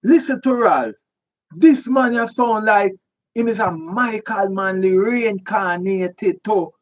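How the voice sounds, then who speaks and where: Slow, emphatic Jamaican commentator. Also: mid-range voice. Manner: emphatic, repetitive, in patois. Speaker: online commentator. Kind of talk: political commentary.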